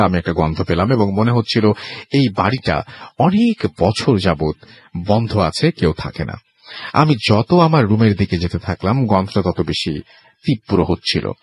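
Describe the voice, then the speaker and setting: A man's voice: fairly low pitch, breathy edge. A man hosting a storytelling show, reading a listener's ghost story aloud, with a sore throat. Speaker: host reading a listener's email.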